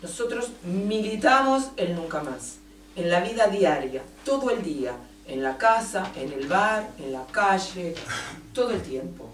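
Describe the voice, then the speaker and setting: A woman's voice: lowish voice, very animated, unhurried. A woman from Argentina with an Argentine accent, giving an impassioned book presentation and stressing her points with long emphatic lists. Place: event room in a café. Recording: roomy, distant mic, faint noise.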